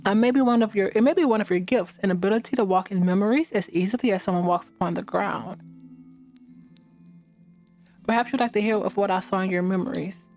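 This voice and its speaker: A woman reading a fantasy game's text aloud during a let's play, with halting restarts and short reactions of her own. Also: medium pitch, a little mellow, faint music behind.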